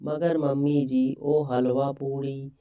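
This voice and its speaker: Man reading as nervous young bride in a storybook, slow delivery, slightly distant mic. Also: medium pitch, little pitch movement, narrow, tinny audio, close to an everyday voice. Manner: worried, fretful. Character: anxious young new bride, fearful.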